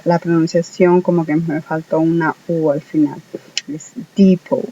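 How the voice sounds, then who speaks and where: A speaker giving a home-made English lesson, hesitant, with many filler sounds and slow, careful repetition of words. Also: mid-range voice, dark tone, far from the mic, dull audio. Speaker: English teacher.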